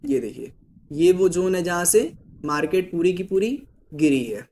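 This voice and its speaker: High-voiced man explaining stock charts. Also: big pitch swings, normal speed, darkish tone, a little hiss or hum. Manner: explains patiently, checks in with listener. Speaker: market analysis host. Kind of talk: casual chart walkthrough.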